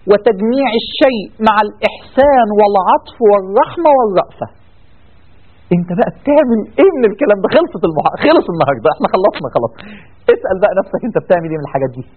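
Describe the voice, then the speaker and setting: A man with an Egyptian accent giving a religious talk, firing rhetorical questions and acting out people's excuses. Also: sits high. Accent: Egyptian Arabic. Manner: animated, rhetorical questions, acts out excuses of listeners. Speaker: preacher. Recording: tinny phone-like sound.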